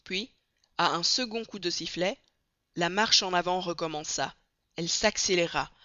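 A measured audiobook narrator reading a classic novel with clear, steady storytelling. The voice is bright and forward, recorded dry with a slightly dull, lo-fi sound. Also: medium pitch, no echo.

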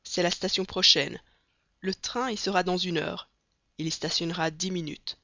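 A reader voicing a brash, insolent American colonel with a loud, scornful delivery, in a dull, dry recording. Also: medium pitch, fairly even intonation, normal speed, no echo.

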